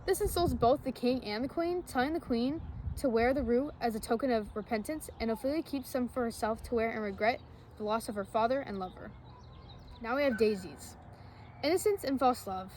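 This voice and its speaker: Slightly high-voiced woman reading literary notes. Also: a little fast, a little mellow. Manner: spells out quotation marks aloud. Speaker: student guest analyst. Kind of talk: scripted literary explanation, read out. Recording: faint outdoor background noise.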